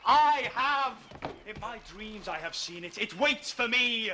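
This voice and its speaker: An actor playing a proud, earnest young warrior prince in a myth drama, with declamatory delivery. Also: male voice, very high voice, animated, a little slow, bright, forceful tone, slight background noise, full character voice. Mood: defiant, rousing.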